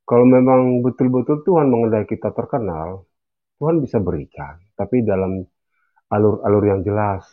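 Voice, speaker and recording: Seorang pria yang bergabung dalam diskusi daring lewat sambungan telepon, berbicara sungguh-sungguh dengan nada menasihati. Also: male voice, on the low side, normal speed. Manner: earnest, admonishing. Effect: heard over a phone line. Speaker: caller joining an online discussion. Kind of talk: casual opinion sharing. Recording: tinny phone-line sound.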